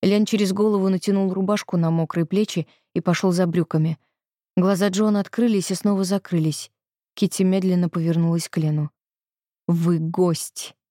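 A woman narrating a novel in calm, measured scripted narration. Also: lowish voice, no room sound, clean studio sound. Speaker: audiobook narrator.

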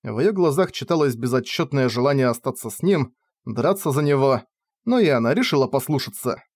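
A man narrating a fantasy novel as an audiobook in a dramatic, measured reading. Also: medium pitch, expressive, a little mellow, breathy edge, no echo, clean studio sound.

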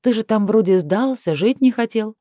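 Woman voicing a sarcastic young heroine, a bit higher, snappy, dry close mic. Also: animated, normal speed, dark tone, no room sound, lightly acted.

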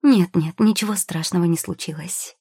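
Storybook: woman as a patient young witch-shopkeeper, low, husky and dry. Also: moderate pace, mellow, no room sound. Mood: soothing. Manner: patient, soothing and practical. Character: calm, quick-witted young potion-maker girl.

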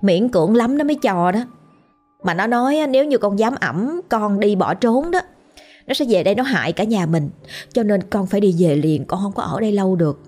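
A woman's voice: mid-range voice, lively intonation, a little fast, darkish tone, soft background music, natural voice. A woman voicing a grieving drowned ghost woman, a young mother, pleading tearfully. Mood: sorrowful pleading.

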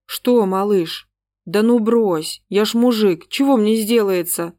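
A woman reading aloud plays a cheerful, easygoing husband in a storybook, talking slowly. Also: mid-range voice, warm tone, no room sound, studio quality, natural voice. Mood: jovial. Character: cheerful hearty husband, grown man.

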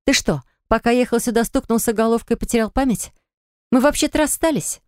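A woman narrator voicing an indignant, stubborn young woman in an audiobook, answering in sharp, reproachful retorts. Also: on the high side, fairly quick, no echo, clean studio sound, voice pushed up, lightly acted. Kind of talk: audiobook character reading.

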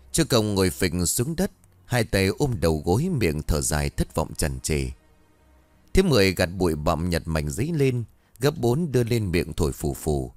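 Low-voiced man reading a ghost story. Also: dry recording.

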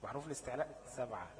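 A man's voice: medium pitch, slight background noise, low-quality recording. Egyptian man teaching a class. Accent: Egyptian Arabic. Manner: quizzes the class with constant "what?" and "okay?" checks. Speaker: Quran recitation teacher. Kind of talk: classroom lesson. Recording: class chatter behind the voice.

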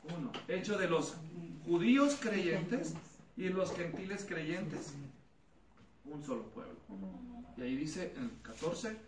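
High-voiced preacher in an echoey hall. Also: male voice, animated, takes it slowly. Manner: asks the congregation questions and repeats answers; acts out voices in his stories. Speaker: pastor teaching a Bible study. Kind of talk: expository sermon with anecdotes. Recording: echoey room, mic at a distance, noisy.

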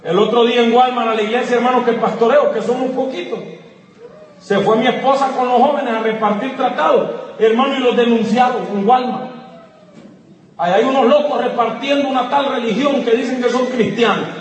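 A man, a pastor, preaching a fiery sermon to his congregation, calling out questions to the crowd and rising to shouts. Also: extremely high pitch, a little fast. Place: church service with congregation. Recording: echoey hall, distant mic, crowd noise.

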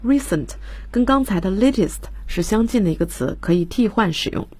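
A woman's voice: medium pitch, expressive, normal speed, darkish tone, slightly rough, dry recording. A woman teaching English words on a radio lesson, explaining each word and spelling it out letter by letter. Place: radio studio.

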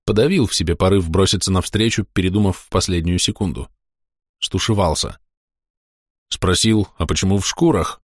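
Low-voiced male audiobook narrator. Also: moderate pace, dry recording, clean studio sound. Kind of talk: first-person audiobook narration.

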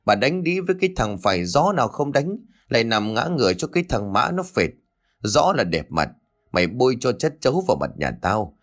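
A man voicing a furious old village matriarch, hurling curses in a fast tirade. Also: very animated. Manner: shrill cursing tirade.

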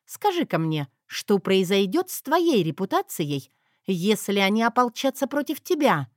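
A woman reading an audiobook voices a defiant, scheming young woman who speaks in a mocking, sharp manner. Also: mid-range voice, big pitch swings, moderate pace, no room sound, clean studio sound, lightly acted. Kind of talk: audiobook character voice.

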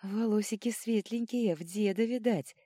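A woman's voice: mid-range voice, moderate pace, dark tone, no room sound, studio quality, pitched above the performer's own voice, lightly acted. A woman voicing a folksy woman who exclaims with homely words. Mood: joyful.

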